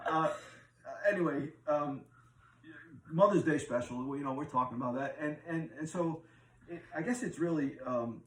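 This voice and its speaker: A man's voice: medium pitch, a little hiss or hum. A middle-aged man hosting a casual chat, laughing often and talking loosely with many fillers. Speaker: host. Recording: roomy room, distant mic.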